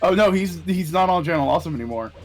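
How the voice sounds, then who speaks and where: A man's voice: fairly high pitch, lively intonation, fast, over music. A man chatting on a gaming stream, rambling, stammering and swearing casually. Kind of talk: casual chat while gaming.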